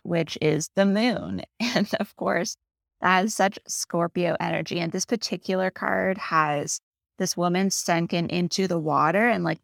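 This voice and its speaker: A woman's voice: lowish voice, vocal fry, dry recording. A woman giving a reflective tarot reading in a casual, rambling monologue, earnest and heartfelt, often checking in with "right?". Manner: heartfelt, close to tears at times. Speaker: tarot reader.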